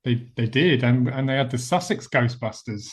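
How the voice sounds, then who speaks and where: A man's voice: mid-range voice, normal speed, breathy edge. Chatty man on a podcast. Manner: chatty, laughs often, self-deprecating. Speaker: podcast co-host. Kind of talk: casual chat.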